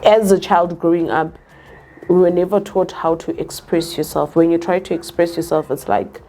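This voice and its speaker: A woman's voice: on the low side, steady tone, normal speed, mellow. A young South African woman with a Zulu-tinged accent, talking earnestly in a casual chat and switching between English and Zulu. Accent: South African, Zulu-speaking.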